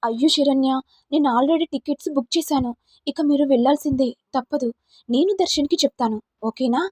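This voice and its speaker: A woman's voice: high voice, fairly quick, a little mellow, no echo, clean studio sound, close to an everyday voice. A woman voicing a fond but firm mother-in-law in a story. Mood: insistent.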